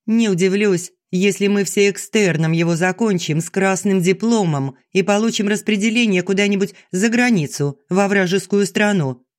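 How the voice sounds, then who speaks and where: A man's voice: sits high, moderate pace, few pauses, pitched above the performer's own voice, close to an everyday voice. A man reading an audiobook, voicing a sly young female student who teases and mocks her friends. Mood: teasing. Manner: teasing, mocking.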